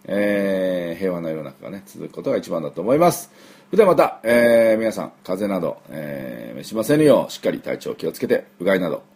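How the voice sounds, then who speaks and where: Low, husky man teaching pronunciation. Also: big pitch swings, a little mellow. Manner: chatty, slow, many fillers, drills words for repeating. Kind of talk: weekly pronunciation lesson.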